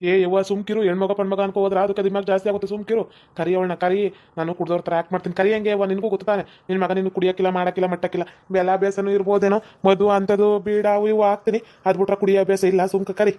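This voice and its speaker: A woman's voice: mid-range voice, level tone, racing, dark tone, lightly acted. Woman playing a brusque, defensive grown son. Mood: irritated. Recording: slightly dull lo-fi recording.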